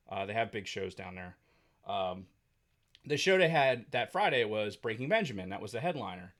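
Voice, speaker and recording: This time the angry co-host sounds fairly low-pitched and a bit bright. He's on a casual podcast, delivering a heated rant packed with profanity.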